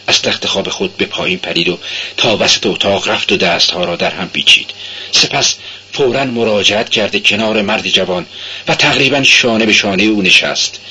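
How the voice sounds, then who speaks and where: A man giving a dramatic literary reading, measured and intense. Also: lowish voice, sharp tone, husky, rough recording. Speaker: narrator.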